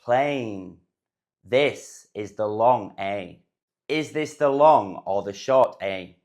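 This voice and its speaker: A man with a British accent teaching a phonics lesson, saying words slowly and clearly for learners to repeat after him. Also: fairly low pitch, lively intonation, noisy background. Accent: British English. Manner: slow, clear, deliberately enunciated words. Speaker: English pronunciation teacher.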